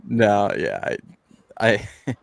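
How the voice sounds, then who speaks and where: A man co-hosting a sports podcast in casual chat, quick with jokes and laughter. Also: lowish voice, big pitch swings, vocal fry, dry recording. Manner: laughs often, quick joking asides. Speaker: podcast co-host.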